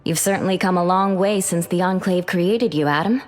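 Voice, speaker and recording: A woman's voice: lowish voice, moderate pace, dry recording, natural voice. A woman voicing a confident, caring superhero mother in a video game, composed and wry. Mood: warm, encouraging. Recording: music behind.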